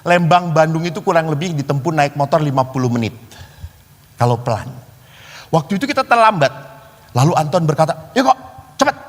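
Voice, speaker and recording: A man preaching a sermon, telling a funny story and acting out the other voices with sudden shouts. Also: fairly high pitch, brisk, long pauses. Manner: animated, acts out quoted voices with shouts. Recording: long reverb of a large hall.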